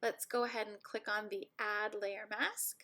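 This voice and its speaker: A woman teaching a software tutorial over a screen recording, talking in a casual, self-deprecating and encouraging way. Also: medium pitch, little pitch movement, moderate pace.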